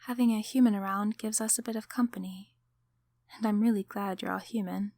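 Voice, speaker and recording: This ASMR roleplay features a woman as a benevolent sleep paralysis demon, offering affection and encouragement in a hushed, calming way, often in a whisper. Her medium-pitched voice stays steady, carries vocal fry, and moves a little fast.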